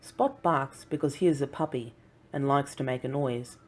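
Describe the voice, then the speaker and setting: A woman narrating a children's storybook in a slow, clear and gentle reading voice. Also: very deep voice. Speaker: audiobook narrator.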